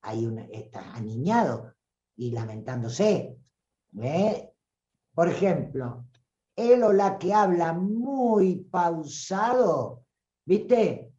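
A woman with a Rioplatense Spanish accent, a voice coach giving an animated live-streamed talk who acts out voices and calls listeners "tribu". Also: on the low side, takes it slowly, reverberant, dull audio.

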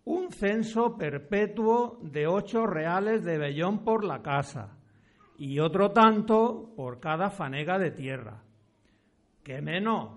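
In an amateur historical radio drama, a man plays a courteous, authoritative village parish priest of the 1700s. He gives the character a high voice and slow, deliberate, formal, old-fashioned speech.

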